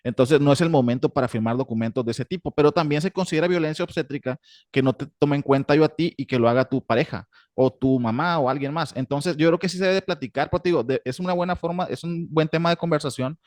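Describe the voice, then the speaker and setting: A Mexican man in his thirties, a gynecologist, calmly explaining a point in a relaxed talk. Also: a little high, no echo. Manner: calm, measured, explanatory. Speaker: gynecologist, co-host. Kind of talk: casual conversation.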